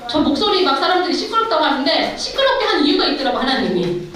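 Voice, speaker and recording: High, animated woman preaching in an echoey hall. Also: fast. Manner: emphatic, exhorting, addresses the congregation directly. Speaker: missionary preacher. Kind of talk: testimony sermon at a church revival. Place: church sanctuary. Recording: echoey hall, far from the mic.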